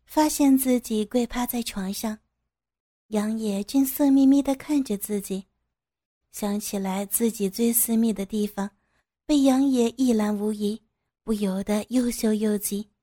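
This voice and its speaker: A woman reading a scripted story in a soft, even narrating voice. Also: on the high side.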